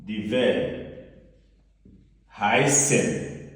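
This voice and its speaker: Man as a patient teacher, drilling words slowly, far from the mic in a roomy hall. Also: on the low side. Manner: repetitive, asks the listener questions. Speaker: language teacher. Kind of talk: classroom-style lesson.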